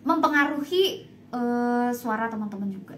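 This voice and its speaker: A woman's voice: a little high, animated, normal speed, a bit bright, a little hiss or hum. A young woman co-hosting a casual live chat, steering the topics and humming agreement. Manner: lots of agreeing hums, leads the topics. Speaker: co-host. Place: home, on a phone live stream.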